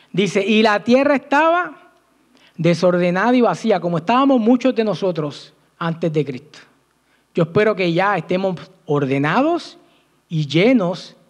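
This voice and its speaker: A man preaching a sermon in church, asking the congregation questions and answering them himself, with emphatic swings in pitch and loudness. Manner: slow, emphatic delivery with sudden rises and drops in pitch and loudness.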